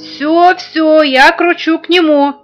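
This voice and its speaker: A woman voicing a restless female spinning-top toy in a storybook reading, loud and excited, on a dull lo-fi recording with faint guitar. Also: fairly high pitch, unhurried.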